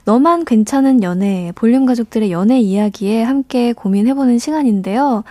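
A woman hosting a casual radio talk show on dating, speaking in a gentle and agreeable way. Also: on the high side, fairly quick. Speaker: radio host.

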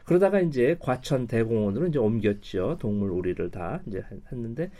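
An older man from South Korea, in his sixties or above, speaking as a radio interview guest in a halting, rambling way. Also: medium pitch, expressive, mellow. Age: 60s or older. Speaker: studio guest, company head.

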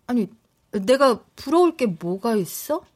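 A woman's voice: on the high side, big pitch swings, unhurried. An actress in her thirties playing a proud but apologetic pregnant wife in a radio drama, talking emotionally. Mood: remorseful. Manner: emotional, wheedling then teasing.

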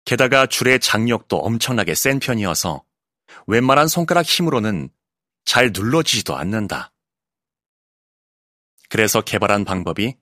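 A male voice actor reading an essay audiobook in a calm, clear narrating voice, recorded close in a studio booth. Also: fairly low pitch, dry recording. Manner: calm, clear narration with lively, expressive intonation.

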